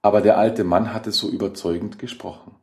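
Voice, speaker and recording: A man narrating a horror short story in a measured, dramatic reading. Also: on the low side, steady tone, darkish tone. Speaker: audiobook narrator.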